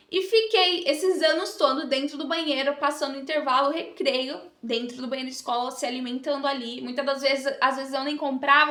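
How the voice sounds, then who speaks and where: Bright, echoey young woman telling a testimony. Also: high-pitched. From Brazil. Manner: heartfelt, earnest storytelling with emotional rises. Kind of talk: personal testimony. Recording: echoey room with faint music.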